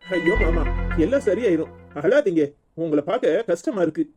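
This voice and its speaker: A performer voicing a gentle, devoted young husband in a cartoon serial, speaking with a Tirunelveli Tamil accent in an earnest, soothing way. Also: medium pitch, animated, normal speed, soft background music, natural voice. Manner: soothing, earnest, indignant at the mother-in-law.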